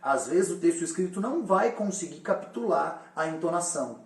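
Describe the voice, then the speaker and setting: A man's voice: a little high, animated, a little fast, roomy sound, recorded from a distance. A male teacher explaining a lesson directly to his students. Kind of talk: recorded lesson.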